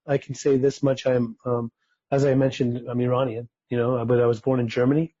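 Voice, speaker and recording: A man's voice: medium pitch, flat delivery, a little fast, dark tone, highs cut off. A man whose first languages were Persian and German, raised in Utah, earnestly telling his life story as a podcast guest. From United States (Utah).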